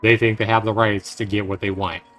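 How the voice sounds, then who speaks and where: Reading visual novel text aloud on his livestream, this host speaks briskly in a low-leaning, fairly bright voice with flat delivery. Between lines he offers earnest, casual remarks directly to listeners, with faint game music in the background.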